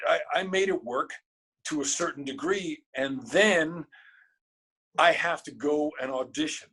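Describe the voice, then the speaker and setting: A man, a guest in an interview, telling a story in a casual, animated and emotional way, cursing freely. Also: fairly high pitch, husky, rough recording.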